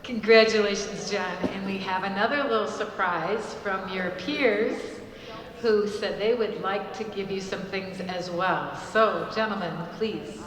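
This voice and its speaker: A woman's voice: mid-range voice, unhurried. A woman presenting at a public ceremony in an informal announcing style. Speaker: event presenter. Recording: echoey reverberant space, crowd behind.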